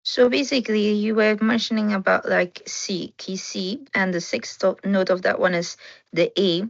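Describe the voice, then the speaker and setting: A woman's voice: medium pitch, steady tone, normal speed, gravelly, dry recording. A woman student asking a hesitant question in an online music class, searching for words. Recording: dull lo-fi video call audio.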